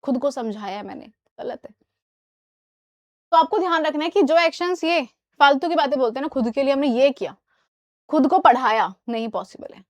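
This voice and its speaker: A woman English teacher giving a live online class, explaining in Hindi and reading English examples slowly, often checking that students follow. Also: sits high, animated, no echo. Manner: asks students questions and checks understanding.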